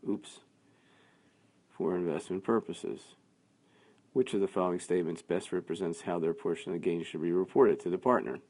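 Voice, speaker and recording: A man teaching a class, working through quiz answers out loud in a conversational way. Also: sits low, fast talker, few pauses. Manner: thinking aloud, conversational, with fillers.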